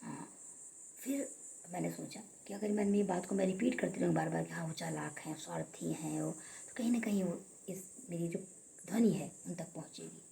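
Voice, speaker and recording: A woman schoolteacher sharing a personal spiritual reflection in an earnest, halting way, often restarting and correcting herself. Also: lowish voice, gravelly, warm tone, a little hiss or hum.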